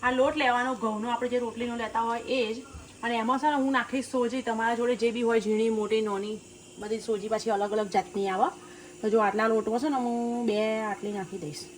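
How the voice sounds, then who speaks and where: A woman's voice: on the high side, little pitch movement, brisk, slight background noise. A young woman with a Gujarati accent, chatting casually in her family cooking vlog, calling her viewers "guys" and laughing often. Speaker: family vlogger.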